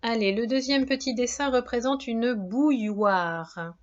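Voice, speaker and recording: Woman, teacher, spelling dictation for young kids, very slow, syllable by syllable, dull lo-fi sound. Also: on the high side. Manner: encouraging.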